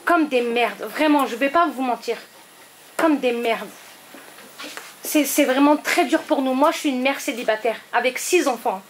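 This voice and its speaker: A woman in the audience speaking out bluntly and insistently at a public meeting, repeating her points. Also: high-pitched. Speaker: audience member. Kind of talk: impassioned public question.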